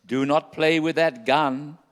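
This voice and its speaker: A man acting an unflappable, courteous old Santa Claus in a rhyming radio play, with a measured theatrical delivery. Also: a little high, steady tone. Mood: calm reproach. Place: stage in a hall. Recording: hall with long reverb.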